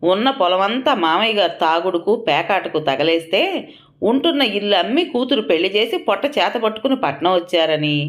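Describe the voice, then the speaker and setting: A woman's voice: mid-range voice, natural voice. A woman voicing a defiant young daughter-in-law who talks bluntly and sarcastically.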